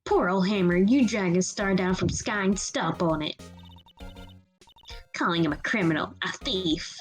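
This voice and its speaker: A woman's voice: on the low side, unhurried, faint music behind, lightly acted. A woman voicing an indignant old lady from a video game, scolding melodramatically. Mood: indignant, wounded. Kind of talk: video game character voice-over.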